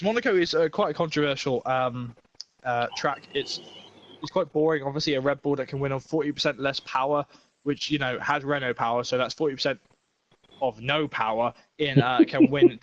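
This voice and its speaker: A man's voice: mid-range voice, fairly bright tone, a little hiss or hum. A young man commentating an online racing league, joking and rambling with lots of fillers, a little breathless and sick. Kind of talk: casual esports race commentary. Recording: dull lo-fi stream audio.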